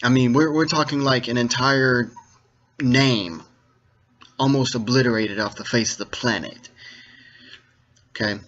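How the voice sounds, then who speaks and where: A dull, lo-fi recording of a man with a mid-pitched voice talking straight to his viewers. He lectures informally, breaking his sentences into halting, deliberate phrases. Key words get firm stress, and he likes to make sure the point has landed. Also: a bit bright. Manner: didactic, checks that listeners follow. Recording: dull, lo-fi sound.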